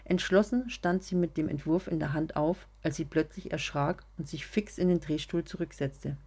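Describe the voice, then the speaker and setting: A woman narrating a serialized story in a steady, measured reading voice. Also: low voice, husky.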